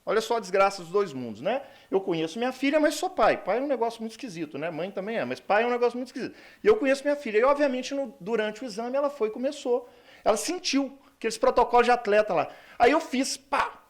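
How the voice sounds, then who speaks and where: A man's voice: extremely high pitch, lively intonation, fast talker. A man, a lawyer from Brazil, giving a chatty, self-mocking conference talk with many fillers in a conference hall.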